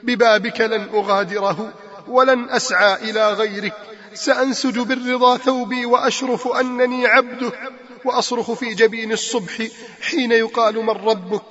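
A man's voice: very high-pitched, steady tone, normal speed, sharp tone. A man preaching a sermon, calling out to his listeners with repeated rhetorical questions. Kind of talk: sermon with Quran recitation. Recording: long reverb, muffled lo-fi sound.

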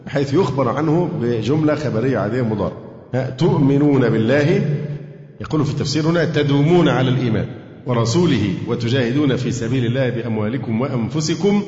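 Egyptian man teaching in an echoey hall. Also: medium pitch. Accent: Egyptian Arabic. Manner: questions the students, recites verses slowly. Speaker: Quran teacher. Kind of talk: Quran interpretation and grammar lesson. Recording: echoey hall, dull lo-fi sound.

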